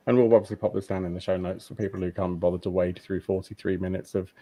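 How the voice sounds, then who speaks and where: A man with a fairly low voice hosts a relaxed podcast over a remote call. He teases the others and chuckles at his own asides. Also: quick pace, no echo. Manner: jokey, teasing, chuckles at his own quips. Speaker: podcast host. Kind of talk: casual podcast chat.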